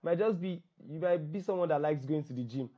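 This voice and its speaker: Fast-talking man teaching on a video call. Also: a little high, lo-fi sound. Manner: fast, repeats phrases. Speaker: guest copywriting teacher. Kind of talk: online class Q&A.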